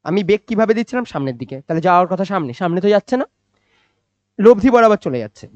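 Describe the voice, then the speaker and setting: A man teaching physics, explaining slowly and repeating points, asking questions and answering them himself. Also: high-pitched, sing-song, a little mellow, dry recording. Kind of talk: classroom-style physics lecture. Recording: dry, slightly dull recording.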